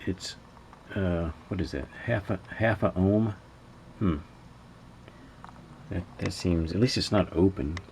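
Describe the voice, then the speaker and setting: A hobbyist radio repairer speaks in a low-pitched, slightly mellow voice while narrating his hands-on work at an indoor workbench. He thinks aloud casually and hesitantly, halting as he muses to himself, with slight background noise.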